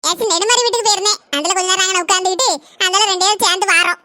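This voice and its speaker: A woman with a Kanyakumari Tamil accent voicing a busy young village wife in a cartoon, in a hurried, lively manner. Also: very high voice, no echo.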